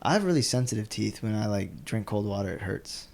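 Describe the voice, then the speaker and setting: A man's voice: on the low side, expressive, fairly quick, vocal fry, a little mellow. A man co-hosting a podcast, rambling through goofy stories and laughing often in casual chat. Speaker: podcast co-host.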